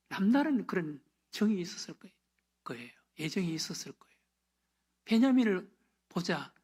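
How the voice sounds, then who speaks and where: A pastor preaching a sermon, swinging from loud emphasis down to hushed whispers and dropping short affirmations between phrases. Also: mid-range voice, husky.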